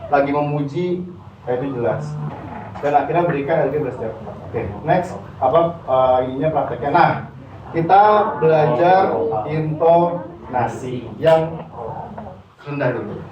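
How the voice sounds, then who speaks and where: A male trainer leads a relaxed public speaking workshop, chatting directly with his students in a slightly raised voice. He sounds set back from the mic in a roomy classroom, and the recording is dull and lo-fi. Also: a little high, measured pace, long pauses, crowd noise. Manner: chatty, addresses audience directly, mixes in English terms. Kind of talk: casual workshop lecture to students. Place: university classroom. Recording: echoey room, distant mic, dull lo-fi sound.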